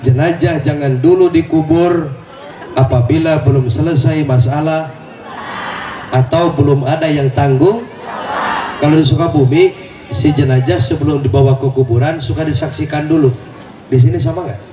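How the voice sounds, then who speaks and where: A man's voice: fairly high pitch, fairly even intonation, moderate pace, long pauses. A male preacher giving a humorous sermon, teasing the congregation with questions and jokes. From Indonesia. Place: mosque gathering with crowd. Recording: echoey hall, voice from far off, crowd noise.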